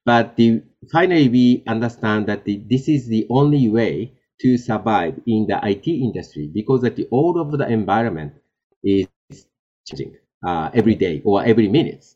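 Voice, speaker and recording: A man's voice: on the low side, lively intonation, warm tone. Hesitant Japanese-born man, lo-fi interview. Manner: halting, many fillers and restarts. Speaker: guest, tech executive. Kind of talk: interview answers. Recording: dull lo-fi sound.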